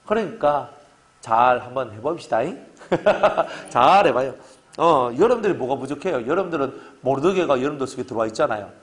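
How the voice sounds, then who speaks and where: A middle-aged man, preaching a sermon to his congregation in a lively, joking way and often asking them to agree. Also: medium pitch, fairly quick. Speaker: pastor.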